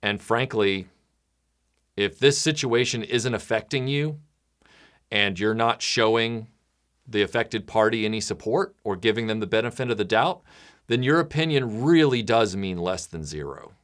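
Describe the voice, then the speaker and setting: A man speaking bluntly and casually to his supporters, now and then mimicking other people in loud, high voices. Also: normal speed. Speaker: channel creator addressing patrons.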